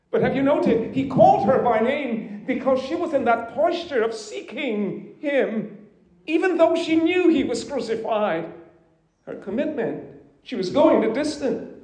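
A man preaching in a slow, measured sermon, leaning on dramatic pauses. His voice is fairly high for a man yet warm and mellow, and it rings out through a very echoey hall. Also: lively intonation.

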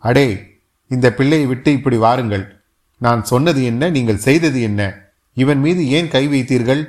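A man's voice: mid-range voice, moderate pace, natural voice. A man doing a stern old-school fort commander. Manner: gruff orders to guards, softer to the youth. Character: stern middle-aged male fort commander, authoritative.

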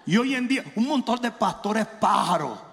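A man preaching a challenging, confrontational sermon with humor, shouting for emphasis and slowing on key phrases, with English phrases mixed in. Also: sits high, animated, creaky. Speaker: pastor. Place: large church hall. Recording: long hall reverb.

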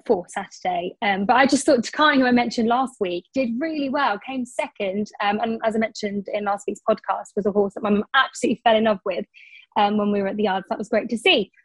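A woman's voice: medium pitch, a little fast, slightly rough, dry recording, low-quality recording. A young woman co-hosting a racing tips podcast, chatty and full of ums, correcting herself as she goes. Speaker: racing tipster co-host. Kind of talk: casual podcast chat.

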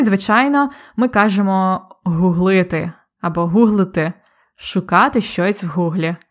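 Slow, careful woman teaching a lesson. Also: mid-range voice. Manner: slow, deliberate and clear, repeating each example word. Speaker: language teacher. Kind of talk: scripted language lesson.

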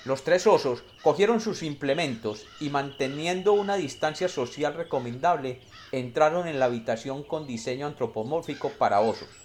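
A man's voice: on the high side, animated, moderate pace, hardly any pauses, a little mellow, slight background noise. A man narrating a comedic fairy tale in a dry, satirical storytelling manner.

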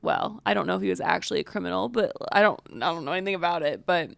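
A young woman co-hosting a podcast, telling stories in lively casual chat. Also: on the low side, racing, creaky, no echo. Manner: animated storyteller, breaks into loud chants. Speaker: podcast co-host.

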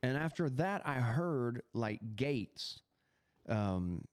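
Male podcast host, mid pitch, dry close sound, animated testimony full of restarts. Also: drawn-out words, smooth, no room sound. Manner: animated storytelling with many restarts.

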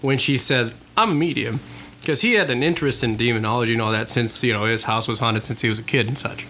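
A man's voice: mid-range voice, fast, bright, forceful tone, a little hiss or hum. A man co-hosting a casual podcast, skeptical and dry, dropping sardonic quips. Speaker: podcast co-host. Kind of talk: casual group podcast chat.

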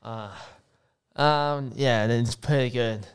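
A man's voice: mid-range voice, slow pace, clean tone. A man in his late twenties, a podcast guest giving hesitant, brief replies with many fillers. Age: 20s. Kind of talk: casual podcast interview.

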